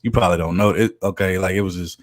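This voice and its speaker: A man in his thirties from Houston, Texas rambles through a casual podcast chat in a Southern accent, filling it with lots of fillers. His voice is low and fast, with fairly even intonation.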